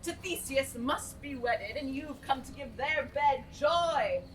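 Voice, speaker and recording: Hammy, high-voiced proud fairy queen played by a woman. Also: lively intonation, takes it slowly. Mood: haughty anger. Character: proud, wrathful fairy queen quarrelling with her king. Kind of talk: Shakespearean stage acting in verse. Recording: distant mic, noisy stage recording.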